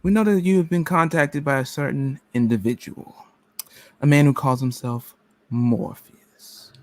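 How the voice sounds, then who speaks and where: A man reading a cold, menacing government agent in a radio play, speaking slowly, deliberately and formally. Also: mid-range voice, no echo, close to an everyday voice. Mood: measured, formal.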